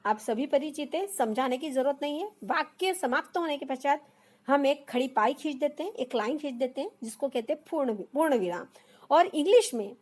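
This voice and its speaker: A young adult woman teaching an exam-prep grammar lesson, explaining step by step and repeating key terms, sometimes correcting herself mid-word. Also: high-pitched.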